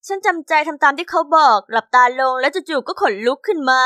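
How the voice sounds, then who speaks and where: A young woman tells a diary-style story in a high, bright voice, chatty and expressive. Her voice sits close and dry, with no room sound around it. It plays as polished scripted storytime narration. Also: quick pace, no room sound. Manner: chatty, expressive first-person telling.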